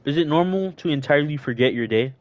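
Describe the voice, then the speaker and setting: A man's voice: on the high side, animated, fast, highs cut off. A young man co-hosting a podcast, chatting in an easygoing, rambling, self-deprecating way. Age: young adult. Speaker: podcast co-host. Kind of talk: casual chat.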